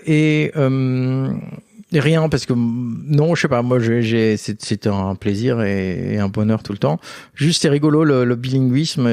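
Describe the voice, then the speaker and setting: A man chats as an interview guest, recounting family anecdotes with animated quoted voices. His voice sits at an ordinary middle pitch. The recording is very dry and close. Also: no room sound. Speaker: guest, entrepreneur and father. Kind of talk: casual interview storytelling.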